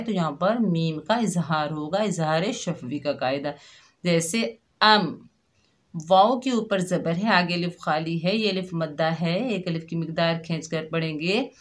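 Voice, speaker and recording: A woman with a somewhat low voice leads a tajweed lesson. She speaks very slowly and patiently, spelling out each sound and saying it again. Her delivery is steady and instructional. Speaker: Quran recitation teacher. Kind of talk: slow step-by-step tajweed lesson.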